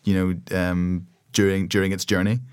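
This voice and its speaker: A man's voice: low-pitched, little pitch movement, moderate pace, clear, resonant tone. A man in casual podcast chat, enthusiastic and admiring.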